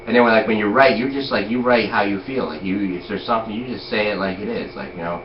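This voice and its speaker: Speaking quickly with a voice on the low side, a man in his forties chats casually and rambles, sprinkling in plenty of "like" and "you know." The room is echoey, the audio lo-fi and noisy.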